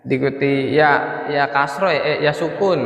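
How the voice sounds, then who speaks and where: A man's voice: fairly high pitch, gravelly, a bit bright. Man teaching chanted recitation in an echoey hall. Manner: models chanted syllables for students to repeat; quick casual asides between slow sung examples. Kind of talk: Quran recitation class. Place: prayer room, indoors.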